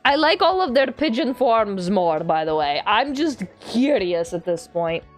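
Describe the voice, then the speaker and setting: A woman gives casual game commentary in a fairly high voice. She rambles playfully, as a streamer does. Game music runs underneath. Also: very animated, measured pace. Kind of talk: casual chat, gameplay commentary.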